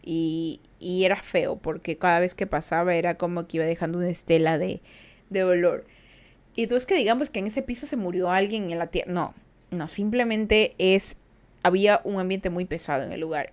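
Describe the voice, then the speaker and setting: Chatty woman giving spiritual advice. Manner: animated, mimics people in a high put-on voice. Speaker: podcast host. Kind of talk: casual spiritual advice chat.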